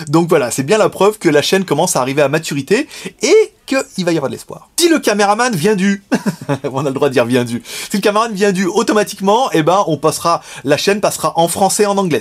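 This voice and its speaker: A man talking straight to the camera in a casual update, frank and slangy, chuckling often. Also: on the high side. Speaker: vlogger and shop owner. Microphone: camera facing speaker.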